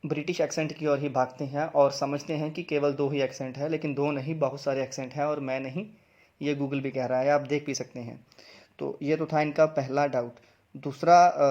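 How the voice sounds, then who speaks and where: A man's voice: a little high, a little mellow. A young man, teaching English pronunciation in a video lesson, explaining step by step and repeating each word twice. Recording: dull lo-fi sound.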